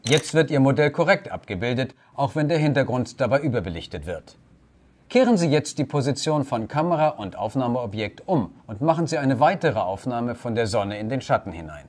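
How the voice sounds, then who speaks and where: Lively formal male tutorial narrator. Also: mid-range voice, brisk. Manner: formal, addresses listener politely. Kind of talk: scripted instructional voice-over.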